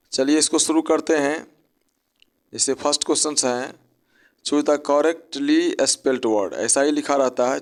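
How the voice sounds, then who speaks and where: A man gives a patient spelling lesson at a very slow, deliberate pace. He sounds out each word syllable by syllable and spells it letter by letter. His voice sits at an ordinary middle pitch. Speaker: English teacher.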